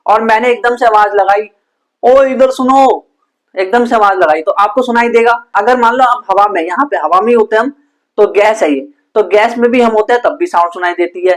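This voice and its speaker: A man teaching science in a casual, playful way, acting out sound effects and small scenes. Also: sits high. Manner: playful, uses sound effects and mini role-plays. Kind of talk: casual classroom explanation.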